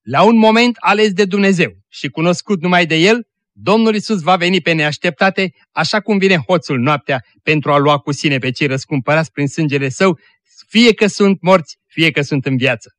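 A man's voice: on the high side, a bit bright, dry recording, studio quality, lightly acted. A man reading the part of a solemn believer who warns urgently of the end, declaiming with rising emphasis.

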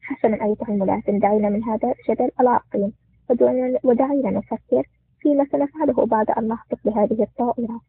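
A man's voice: very high voice, steady tone, fast, gravelly, breathy edge, heavily acted. A man voicing a bold, sarcastic male intelligence officer in a spoken story, with a curt, mocking manner. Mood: irritated. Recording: tinny phone-like sound.

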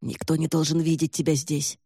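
A man's voice: a little high, level tone, fairly quick, mellow, husky, dry recording, studio quality. A man reading an audiobook and voicing a gaunt older lord who speaks curtly and snaps commands. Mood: irritated. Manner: curt, commanding, snapping.

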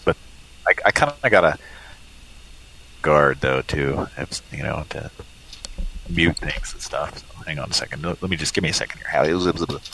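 A man's voice: extremely low pitch, moderate pace, gravelly, long pauses, pushed and bright, a little hiss or hum, poor audio. A man hosting a live call-in show, chatting casually with sarcastic, joking asides and rambling comments between calls. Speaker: host.

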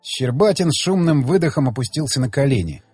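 A man narrating an audiobook in the first person with expressive, swinging emphasis. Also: mid-range voice, a little fast, breathy edge, no room sound, faint music behind.

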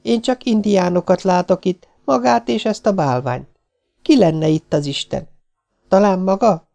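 Man doing a high scornful young woman, defiant, mocking, gravelly edge, storybook reading. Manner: mocking, sharp retorts. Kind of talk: audiobook character voice.

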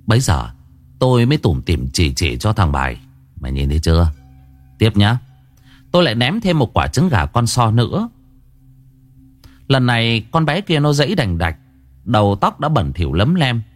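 A man narrating a first-person ghost story in an expressive storytelling manner. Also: mid-range voice, normal speed.

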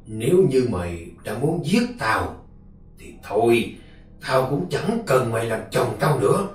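Slow gloating she-demon read by a man, cruel, cackling, drenched in echo, heard from afar, faint music. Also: medium pitch, very animated. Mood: gloating menace. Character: vengeful female ghost demon, cruel and mocking. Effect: heavy echo, distant.

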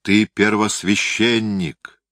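A man's voice: low voice, steady tone, slow pace, fairly bright tone, dry recording, studio quality. A man voicing a proud, noble prince who speaks in solemn, impassioned declamation. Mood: insistent.

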